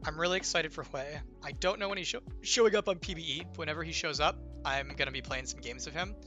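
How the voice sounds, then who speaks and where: A young man who designs games talks casually to his stream viewers, rambling through answers with plenty of "like" and "right?" and a teasing streak. His voice is on the high side, quick, bright and forceful, a bit strained from illness, with faint music behind him.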